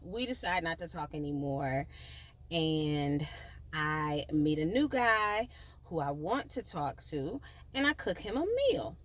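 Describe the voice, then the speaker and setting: A woman with a lowish voice tells a personal story on her podcast. She talks slowly and loosely, with lots of slang, and her pitch swings widely as she goes. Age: adult, with children. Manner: chatty, animated, slangy. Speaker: podcast host. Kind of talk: storytelling monologue.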